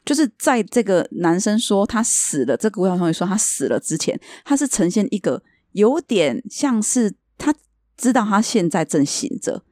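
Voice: medium pitch, big pitch swings, moderate pace, a little mellow, no room sound, studio quality. A podcast co-host telling a story in casual chat and acting out the quoted dialogue.

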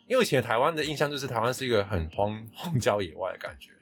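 A man from Hong Kong with a Taiwanese Mandarin accent, hosting a casual podcast chat, chatty and quick to laugh. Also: medium pitch, animated, a bit bright. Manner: chatty, laughs often, quotes others. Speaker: podcast host.

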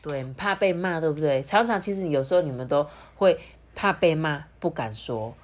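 A woman reading a children's storybook aloud, talking warmly and directly to young listeners. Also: low-pitched, normal speed. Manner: animated, talks directly to children.

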